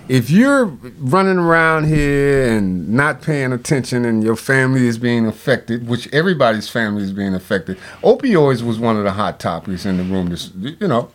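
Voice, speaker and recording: A man, a guest on a radio talk show, talking in a halting, rambling way full of fillers and restarts, with sudden bursts of animated emphasis. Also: mid-range voice.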